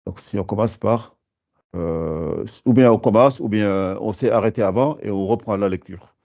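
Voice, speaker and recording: A man's voice: fairly low pitch, normal speed, vocal fry, dark tone, lo-fi sound. A man teaching a lesson, explaining patiently with many fillers and restarts. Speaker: Quran recitation teacher.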